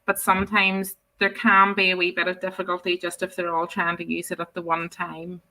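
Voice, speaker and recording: A woman joins a webinar discussion, speaking in a bright, clear voice. She sounds tentative and agreeable. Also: on the low side, completely flat delivery, a little fast, low-quality recording.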